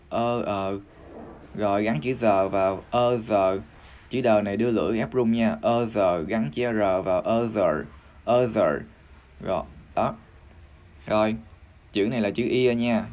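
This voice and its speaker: A man with a Vietnamese accent teaching English pronunciation on a livestream, spelling out sounds one by one and repeating each word slowly. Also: fairly low pitch, darkish tone. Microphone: phone or desk mic on a livestream.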